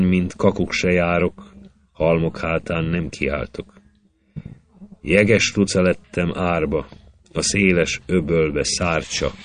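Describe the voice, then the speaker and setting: A young maiden pours out her grief in measured lines of verse, voiced by a man reading a poem. The voice stays very deep throughout, and the lament moves in a steady, sorrowful beat.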